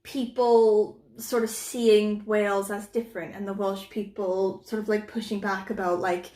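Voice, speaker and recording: A woman's voice: medium pitch, little pitch movement, unhurried, dark tone. Chatty American woman, echoey room. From United States. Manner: informal, frequent "like" and "you know". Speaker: book vlogger. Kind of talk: casual chat about books.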